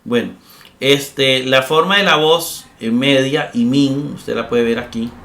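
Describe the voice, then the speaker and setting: A man's voice: medium pitch, measured pace, a bit bright. Patient man teaching grammar in a roomy space. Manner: patient, explains step by step with frequent "verdad?" and "eh". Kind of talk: recorded grammar lesson.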